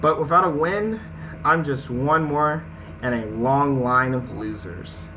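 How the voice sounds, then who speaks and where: With a medium pitch and a slow delivery, a man hosts a gaming video that blends slangy commentary and informal asides with read-aloud story narration. Video game music and background noise play throughout.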